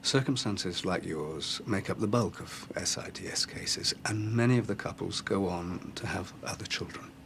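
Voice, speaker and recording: An actor playing a calm doctor who gently breaks hard news in a TV drama, in a measured, careful way. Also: male voice, deep voice, gravelly, noisy background. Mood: grave, gentle. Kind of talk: TV soap drama.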